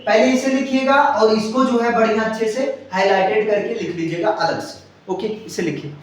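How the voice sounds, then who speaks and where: At normal speed and in a high voice, a male teacher runs a grammar lesson as students answer in unison. He repeats his points, spells words letter by letter, and often checks understanding. The recording is very echoey, captured from a distance in the classroom.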